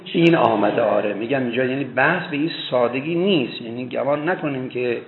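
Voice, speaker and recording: A man giving a scholarly religious lecture on hadith, talking with emphatic bursts where his voice rises. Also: mid-range voice. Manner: emphatic, voice rising in bursts for stress. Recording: echoey, tinny phone-like sound.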